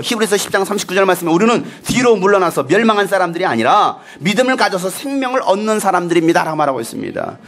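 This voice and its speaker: High-voiced guy preaching a sermon, super animated, storytelling, acts out little quotes. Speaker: pastor.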